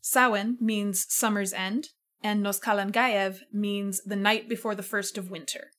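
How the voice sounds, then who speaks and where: A woman's voice: mid-range voice, fairly even intonation, a little slow, fairly bright tone. Woman, radio host, chatty, patient explainer, laughs easily, home studio. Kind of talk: casual chat. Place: living room home studio.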